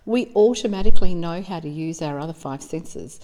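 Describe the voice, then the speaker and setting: A woman's voice: lowish voice, brisk. An Australian woman, a psychic medium, giving an informal spiritual talk in a chatty, storytelling way. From South Australia. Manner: warm storytelling, chatty with fillers. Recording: long reverb.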